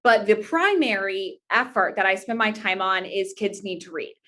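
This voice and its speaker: A young American woman from Indiana, an author and pageant titleholder, gives conversational answers as a podcast guest. Her mid-range voice is expressive and sharp in tone, at normal speed.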